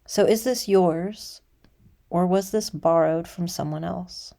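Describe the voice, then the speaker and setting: A woman leads a guided meditation, speaking in a measured, deliberate manner with pauses between phrases. Her voice is lowish and creaky, with a dark tone.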